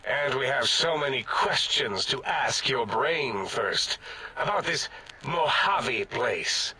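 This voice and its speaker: An actor playing a haughty, excitable mad-scientist brain in a machine in a video game, with pompous, theatrical diction and a raspy edge. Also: male voice, mid-range voice, slow pace, heavily acted, rough recording. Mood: grandiose. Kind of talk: video game character acting.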